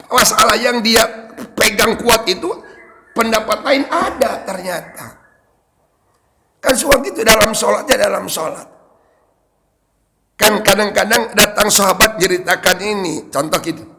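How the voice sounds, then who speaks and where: Male preacher, Sundanese accent, gravelly and bright-toned, teaching lecture style with humorous asides. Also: high-pitched, measured pace, pauses often, in a large hall. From West Java, Indonesia. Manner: explains Arabic text line by line, with joking asides. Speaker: Islamic preacher. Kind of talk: religious study lecture to a congregation.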